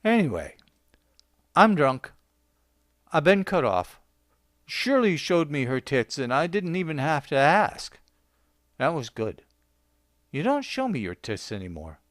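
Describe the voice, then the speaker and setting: A man voicing a drunk, freshly fired office worker who slurs and rambles haltingly. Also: on the high side, wildly swooping pitch, no room sound, clean studio sound. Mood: drunkenly rambling. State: drunk, slurring.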